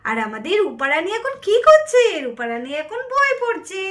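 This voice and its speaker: A woman narrates a puppet cartoon story for children. Her voice is very high and lively, chatty and inviting. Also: normal speed.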